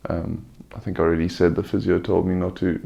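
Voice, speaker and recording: A man gives an unscripted vlog-style update while weary from surgery. His voice is deep and very creaky, with an almost completely flat melody. He talks in a subdued, halting way, nursing a sore throat. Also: dull audio. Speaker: vlogger giving a recovery update. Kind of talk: casual personal update, unscripted.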